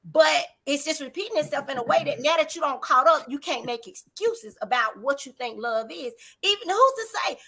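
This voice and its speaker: A woman's voice: high-pitched, expressive, normal speed, few pauses, sharp tone, poor audio. A woman guest on a talk show, speaking earnestly and preachily about faith and love in casual chat.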